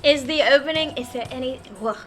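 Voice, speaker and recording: A woman's voice: high-pitched, brisk, a bit bright, faint music behind. A woman playing a tabletop game, talking casually as one of the players.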